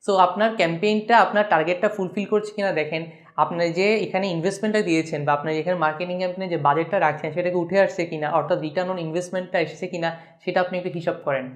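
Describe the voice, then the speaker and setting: A woman with a Bangladeshi accent giving an online lecture, explaining briskly and mixing in English terms. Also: lowish voice, steady tone. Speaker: course instructor.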